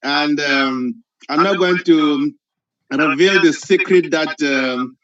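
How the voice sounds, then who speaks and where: A man from Cameroon with a fairly high voice speaks haltingly, filling his pauses with "uh". He jokes lightly as he puts his question over the video call. The sound is dull and lo-fi. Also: fairly bright tone. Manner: halting, many "uh"s, joking. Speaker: conference guest asking questions.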